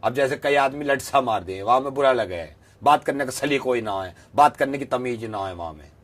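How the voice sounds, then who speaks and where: Speaking at a moderate pace in a natural, mid-range voice, a man poses as a confident country-bumpkin professor in a prank call. He carries a rural western Uttar Pradesh accent and keeps rambling, repeating lines deadpan with blunt folksy charm.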